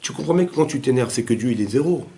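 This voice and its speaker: A man, a rabbi, giving a Torah class in a family home, animated and asking his listeners rhetorical questions. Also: medium pitch, quick pace.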